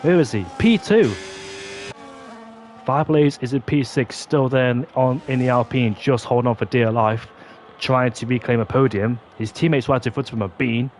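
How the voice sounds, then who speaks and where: A man's voice: medium pitch, fairly quick. Male motorsport commentator over engine noise. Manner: excitable play-by-play, exclaiming at on-track action. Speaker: esports racing commentator. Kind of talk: motorsport commentary of an online sim racing league.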